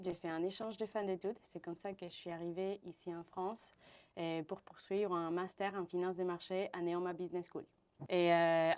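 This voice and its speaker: A woman's voice: on the low side, a little mellow. A woman in her twenties from Venezuela, answering interview questions with many fillers and restarts. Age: 20s. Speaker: partnership manager, guest.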